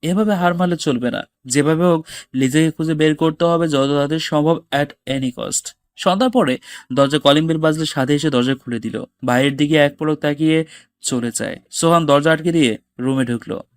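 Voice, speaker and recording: A man narrating a Bengali audio story in a steady, dramatic manner. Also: on the high side, normal speed, no echo.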